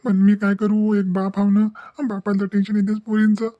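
Cartoon: tearful village father, man voicing, flat mellow tone, lo-fi. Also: sits high, moderate pace, no echo, lightly acted. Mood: tender. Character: worried emotional village father, tender and tearful. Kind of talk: cartoon voice acting.

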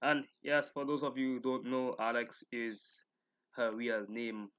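A man's voice: mid-range voice, flat delivery, a little slow, fairly bright tone, dull audio. A young man hosting a casual video where he reads out comments and reacts in slangy, mocking, incredulous asides. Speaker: YouTube host reading and reacting to comments.

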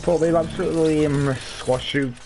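A man's voice: on the high side, steady tone, normal speed, noisy background. A young man, chatting casually and swearing as he streams a game with friends. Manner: sweary, teasing banter. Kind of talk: casual gaming chat with friends.

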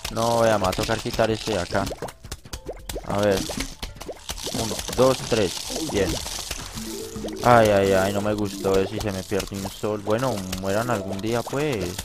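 A man giving excitable let's play commentary, talking to his viewers and yelling at the enemies. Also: lowish voice, unhurried. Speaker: gaming commentator. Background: game music.

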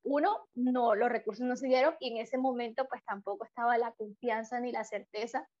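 Earnest Colombian woman, slightly high, muffled. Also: steady tone, a little fast, a little mellow. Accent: Colombian Spanish. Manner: earnest, with many fillers and restarts. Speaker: program participant giving a testimonial. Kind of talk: heartfelt personal testimonial.

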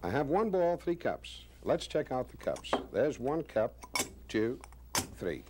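A man in his sixties, a magician presenting a demonstration with deliberate, showman-like, wryly self-praising patter. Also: mid-range voice, sing-song. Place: small indoor studio stage with curtain. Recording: faint background noise.

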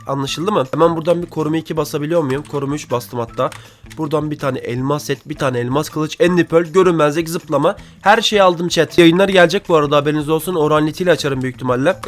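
A man in his twenties, just woken up with a rough, thick voice, giving casual, excitable gameplay commentary and chatting with viewers. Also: on the high side. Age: 20s. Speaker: gaming video creator.

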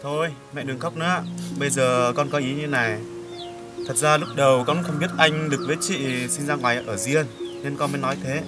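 A man playing a gentle youngest son who soothes his mother and offers to care for her. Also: medium pitch, fairly even intonation, fairly quick, music in the background, lightly acted. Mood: soothing. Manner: soft, conciliatory. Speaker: son in family drama. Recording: voice from far off the mic.

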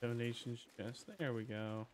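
A man's voice: medium pitch, level tone, moderate pace. A man hosting a let's play, giving casual, offhand, sweary commentary and reading game text aloud.

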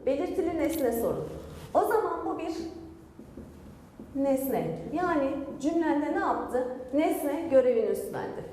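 A woman's voice: high-pitched, a little slow, slight background noise. A woman teacher giving an online grammar lesson, asking her students questions and answering them herself. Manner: lively, asks and answers her own questions. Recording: echoey room with long reverb.

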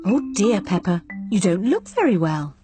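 A woman with a British accent voicing a caring, gentle mother pig in a preschool cartoon. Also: mid-range voice, big pitch swings, normal speed, natural voice. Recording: music behind the voice.

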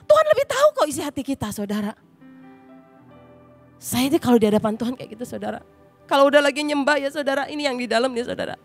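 A woman's voice: high-pitched, big pitch swings, quick pace, long pauses, faint music behind. A woman pastor preaching a sermon with emotion, often turning to her listeners.

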